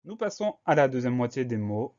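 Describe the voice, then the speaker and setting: A man's voice: medium pitch, big pitch swings, dark tone, highs cut off. A man teaching a spelling lesson, carefully spelling out words letter by letter. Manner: slow, deliberate spelling out of letters.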